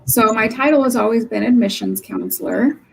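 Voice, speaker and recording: An admissions counselor, a young woman from Oregon, earnestly answers interview questions over a video call from her office, dropping frequent um's between points. Her voice is slightly high and a little quick, with vocal fry and a breathy edge, and the recording quality is poor.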